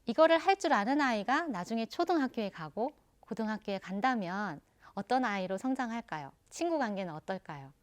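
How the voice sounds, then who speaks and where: A woman giving an online parenting lecture, explaining calmly and addressing parents directly. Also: on the high side, a little fast.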